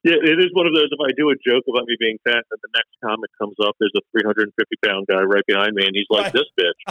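Fast and fairly even in intonation, this comedian's lowish voice carries through a dry, dull, lo-fi recording without echo. He rambles casually, poking fun at himself and restarting often amid lots of fillers.

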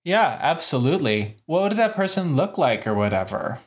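A player in a casual tabletop game who talks in an animated way and is quick to joke. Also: medium pitch, slightly rough.

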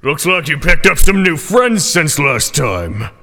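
A man voicing a smug, taunting red demon villain in a tabletop game, gravelly and goading, mock-apologetic. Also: a little high, sing-song, measured pace, pushed and bright, pitched above the performer's own voice, full character voice. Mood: gloating. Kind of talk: tabletop role-play villain. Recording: long reverb, music underneath. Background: music.

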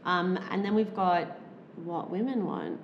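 A woman intimacy coach chatting as a podcast guest, enthusiastic and animated, often affirming the other speakers. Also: lowish voice, unhurried, highs cut off, a little hiss or hum. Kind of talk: casual podcast chat. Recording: roomy echo.

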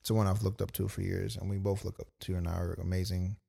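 A man's voice: deep voice, flat delivery, quick pace, creaky, mellow, husky. A young man casually telling a personal story as a podcast co-host, loose and full of quoted asides. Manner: laid-back, storytelling with many "like"s and quoted asides.

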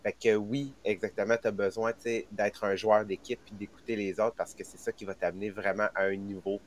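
A man's voice: on the low side, level tone, brisk, slight background noise. A man on a podcast, agreeing earnestly and building on what others say, sometimes repeating words as he goes. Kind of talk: casual podcast chat.

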